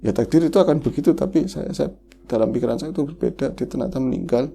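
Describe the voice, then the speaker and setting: A man's voice: medium pitch, quick pace, gravelly, warm tone, slight background noise. A man hosting a horror podcast, emotionally retelling a listener's tragic story in the first person.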